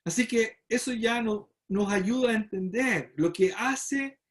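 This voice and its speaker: A man's voice: sits high, measured pace. A man teaching a Bible study lecture, explaining step by step and often checking in with his listeners. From Chile. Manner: explanatory, frequent "¿verdad?" tag questions and fillers.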